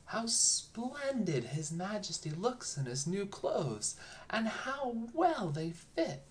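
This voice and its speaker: Fawning fairy-tale courtier acted by a narrator, high and swooping, exaggerated gushing admiration. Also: big pitch swings, slow pace. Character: gushing, flattering courtiers and townsfolk of the emperor.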